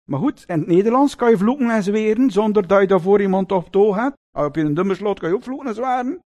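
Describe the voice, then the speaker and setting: Animated preacher with a high voice. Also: male voice. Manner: lively storytelling, addresses listeners with "lieve mensen" and tag questions. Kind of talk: sermon.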